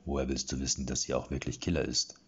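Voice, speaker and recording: A man's voice: monotone, fast talker, breathy edge, highs cut off. A man voicing a gloomy, boastful, suspicious companion who murmurs darkly. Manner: dark, murmuring, low.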